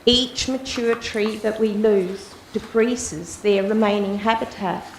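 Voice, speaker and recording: Croaky, impassioned woman. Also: mid-range voice, steady tone, takes it slowly. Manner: earnest and impassioned, speaking through a mask. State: croaky voice from a cold. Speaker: resident asking a question at public question time. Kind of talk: prepared public statement. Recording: echoey chamber, faint room hiss.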